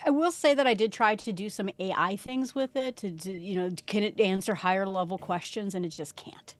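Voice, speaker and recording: A woman's voice: mid-range voice, a little fast, no room sound. A woman panelist talking casually on a tech podcast, telling anecdotes by acting out short exchanges.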